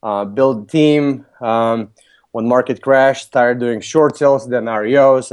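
A man's voice: medium pitch, clean tone. Lithuanian-accented man, businesslike. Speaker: podcast guest, real estate broker. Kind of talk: interview answers.

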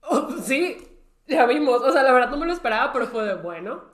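A young Mexican woman co-hosting, chiming in with lively reactions and bits of English slang. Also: high voice, fast. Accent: Mexican Spanish. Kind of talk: casual storytelling chat. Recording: echoey room.

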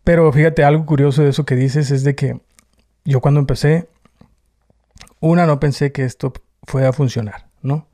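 A man's voice: fairly high pitch, steady tone, normal speed, dark tone. A man from Tijuana with a northern Mexican accent, chatting casually and in colloquial slang as a YouTuber being interviewed. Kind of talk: casual chat.

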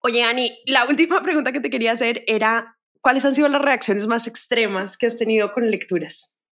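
A woman's voice: fairly high pitch, fairly quick, a bit bright. A woman with a Colombian accent hosting a podcast, chatting casually and telling stories with lots of fillers. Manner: chatty storyteller with many fillers and repetitions. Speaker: podcast host. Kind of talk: casual conversation about books.

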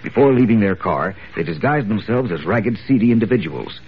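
A man's voice: fairly low pitch, expressive, a little fast. A man with an American accent narrating a serial as an old radio announcer, with suspenseful, emphatic delivery. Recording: dull, noisy 1940s radio recording.

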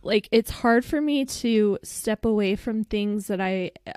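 A woman's voice: medium pitch, unhurried, darkish tone, dry recording, studio quality. A woman co-hosting a podcast in a casual chat, laughing often and filling her talk with "like". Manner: chatty, laughs often, lots of "like". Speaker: podcast co-host. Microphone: remote call mic.

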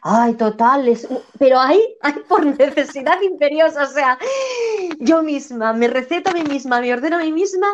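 A woman's voice: high voice, animated, moderate pace, a little hiss or hum. Earnest woman from Spain, lo-fi. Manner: earnest, reflective, repeats phrases for emphasis. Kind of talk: spiritual conversation. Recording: dull lo-fi sound.

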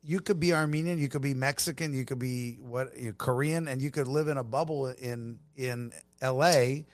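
A man's voice: mid-range voice, normal speed, no room sound. Laughing, easygoing man, dry sound. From Long Beach, California. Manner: laughing, loose storytelling with restarts. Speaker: podcast guest. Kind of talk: casual chat.

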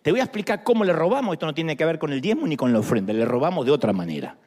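A man's voice: a little high, rapid-fire. A man preaching a sermon, joking and acting out little dialogues. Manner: animated, jokes, acts out dialogues. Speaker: pastor. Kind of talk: sermon with humorous stories.

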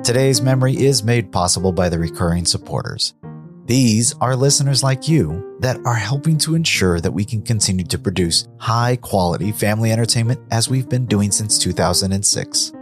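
A low male voice with lively, varied intonation hosts a podcast. He reads scripted narration, with music underneath. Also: moderate pace. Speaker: podcast host.

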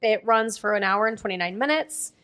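A woman's voice: mid-range voice, a little fast, pushed and bright. A woman co-hosting a casual podcast, reading movie credits and critics' reviews aloud and laughing often. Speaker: podcast co-host.

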